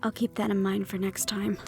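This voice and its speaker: In an audio roleplay, a woman voices a defiant young female thief, teasing and sardonic, sometimes dropping to a whisper. Her mid-range voice is gravelly with a darkish tone.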